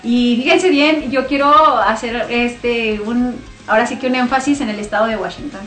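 Her voice a little high and her pace moderate, a woman in her thirties from Chihuahua shares her faith as a radio interview guest. She has a northern Mexican accent and is a singer and missionary who comes across warm and chatty, laughing often and using plenty of fillers. Faint music sounds in the roomy studio.

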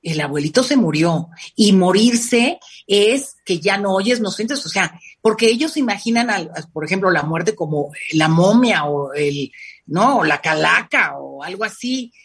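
A woman with a Mexican accent, a guest expert talking about family life in an animated, expressive way. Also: mid-range voice, measured pace, husky. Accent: Mexican Spanish. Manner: animated, acts out quoted parents in lively voices. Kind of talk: conversational interview.

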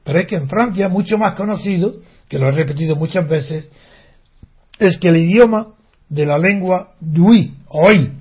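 High-voiced man ranting in a monologue, indignant rhetorical questions, dull lo-fi sound. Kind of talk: impassioned monologue. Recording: dull lo-fi recording.

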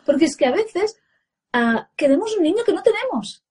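A woman from talking about parenting in lively conversation, often chiming in to agree. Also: very high-pitched. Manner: animated, quick agreement. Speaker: co-speaker on parenting. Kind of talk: conversational talk.

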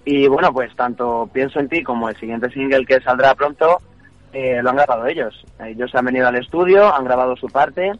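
A man's voice: mid-range voice, fairly quick, no echo. Band guy on the radio, earnest, kinda thoughtful, a bit muffled sound. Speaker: band member, guest. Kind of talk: casual radio interview. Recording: slightly dull radio sound.

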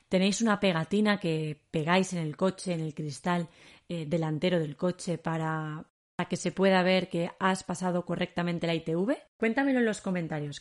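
In a mid-range voice, a woman from Spain with a Spain Spanish accent teaches a podcast lesson, slowly repeating words for learners.

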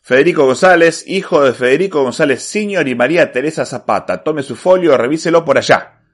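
A man's voice: on the high side, fairly quick, pitched above the performer's own voice, natural voice. Man doing a brusque bald office clerk. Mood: impatient. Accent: Argentine Spanish. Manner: loud, brusque, shouting orders. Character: impatient bald male office employee.

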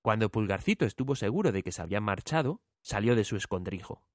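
A man narrating a fairy tale in an expressive storytelling manner. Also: on the low side, fast talker, dry recording, clean studio sound.

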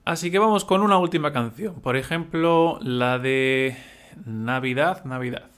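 A man's voice: fairly high pitch, normal speed, a bit bright, clean tone. A man teaching a music lesson, patiently explaining step by step and humming examples.

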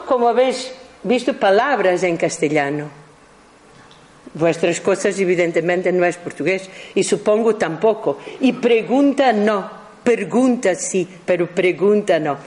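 A speaker slowly explaining their own recordings to an audience, halting often and correcting themselves as they go. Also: mid-range voice, darkish tone, rough recording. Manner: halting, with frequent restarts and self-corrections; explains as to a class. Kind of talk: slow explanatory talk.

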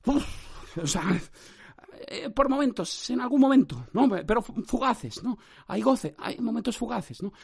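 A man hosting his own podcast, standing as he records a rambling, self-mocking improvised monologue full of theatrical outbursts, shouted nonsense sounds and sudden swings in loudness. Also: very high voice, expressive, normal speed, vocal fry, slightly rough. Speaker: podcast host.

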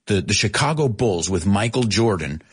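A man hosting a lively radio show that teaches English, reading out listener messages and explaining phrases. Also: on the low side, moderate pace, breathy edge. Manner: energetic, reads listener chat messages aloud and explains phrases.

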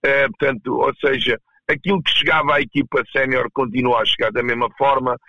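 A man with a European Portuguese accent gives casual, halting interview answers, often repeating words. His voice is creaky and forceful, on a dry but dull lo-fi recording. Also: medium pitch, steady tone, no room sound. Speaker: roller hockey coach, interview guest.

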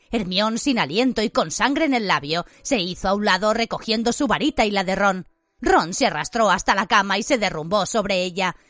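A woman narrating an audiobook in an expressive, vivid reading style. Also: medium pitch, no echo.

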